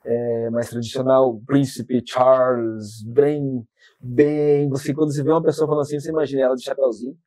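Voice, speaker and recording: A man with a southern Brazilian accent, a podcast guest telling stories in a talkative, animated way. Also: medium pitch, normal speed, dry recording. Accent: southern Brazilian Portuguese. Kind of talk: casual interview chat.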